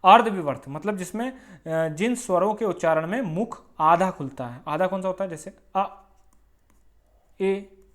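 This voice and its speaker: A man teaching an exam-prep grammar lesson, explaining slowly, repeating points and sounding out vowels aloud as examples. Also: high voice, lively intonation.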